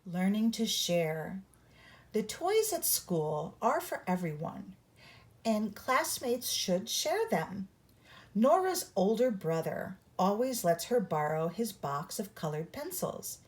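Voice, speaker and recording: A woman reads a children's picture book aloud as a storyteller, using deliberate, instructive read-along phrasing for young listeners. Her medium-pitched voice is very animated.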